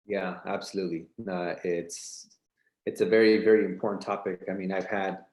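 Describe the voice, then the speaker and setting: Man, thirties, low voice, echoey room, earnest guest, lots of "like". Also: moderate pace. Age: 30s. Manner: earnest, energetic, many fillers like "like". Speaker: guest, real estate investor and coach. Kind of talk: casual interview chat. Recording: roomy echo.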